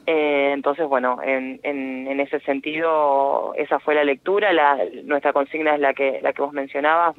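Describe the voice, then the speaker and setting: A woman's voice: low-pitched, little pitch movement, dry recording. Woman on a tinny phone line. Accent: Argentine Spanish. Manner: earnest, halting, with many fillers and restarts. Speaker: guest, activist coordinator. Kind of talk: phone interview on radio. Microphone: telephone.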